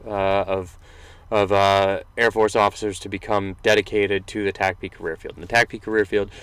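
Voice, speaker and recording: Low-voiced laid-back young man chatting. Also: moderate pace, clean tone, dry recording. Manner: relaxed, joking, swears casually. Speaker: podcast co-host. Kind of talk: casual chat.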